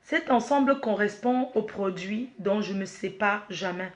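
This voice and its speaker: A woman, the head of her company, presenting a product launch slowly, repeating herself, restarting, and apologizing while she is emotional and choked up. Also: mid-range voice. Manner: slow, repetitive, with frequent restarts and apologies.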